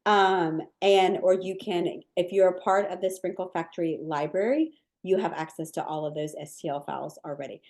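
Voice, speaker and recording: Speaking at a normal speed, a low-voiced woman who teaches cookie decorating takes viewer questions during a live webinar. She sounds relaxed and chatty, peppering her answers with ums and likes.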